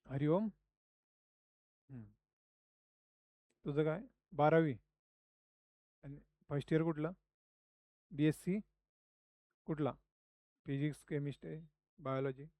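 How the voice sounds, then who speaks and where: A man's voice: on the high side, fairly even intonation, slow, long pauses, dark tone, dry recording. Chatty male teacher quizzing a class. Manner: chatty, questioning students. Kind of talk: classroom lecture.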